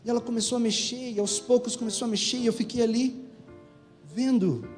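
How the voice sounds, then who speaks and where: A man's voice: very high-pitched, a little fast, faint music behind. A man in his forties, a pastor with a Brazilian Portuguese accent, preaching a sermon that rises and falls in fervent bursts. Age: 40s.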